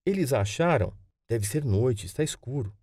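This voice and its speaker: A man's voice: mid-range voice, expressive, moderate pace, dark tone, no room sound, clean studio sound, voice pushed up. A man voicing a young boy who asks questions eagerly in an audiobook. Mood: worried. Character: young boy, frightened then trusting. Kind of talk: audiobook character voice.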